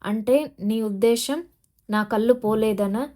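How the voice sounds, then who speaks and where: A woman's voice: fairly high pitch, slow, dark tone. A woman narrator voicing a desperate male police officer who is pleading and defiant, in an audio novel.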